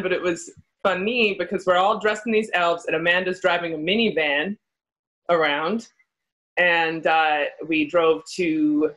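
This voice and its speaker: A woman guest on a casual podcast, telling stories in an animated, playful way. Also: on the low side. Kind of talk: casual chat.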